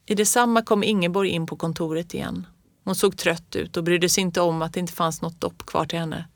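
A woman narrating a children's story aloud in a lively, expressive way. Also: lowish voice, dry recording.

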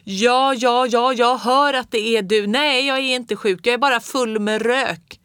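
A storyteller voicing a stern, impatient father in a storybook, shouting in short, clipped bursts. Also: medium pitch, fairly even intonation, clean tone, no room sound, studio quality, pitched above the performer's own voice, close to an everyday voice. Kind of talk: storybook read-aloud.

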